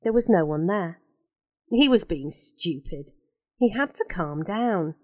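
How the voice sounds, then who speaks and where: A woman reading a children's storybook aloud in an expressive, lively storytelling manner. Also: fairly low pitch, slow, no echo. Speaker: narrator.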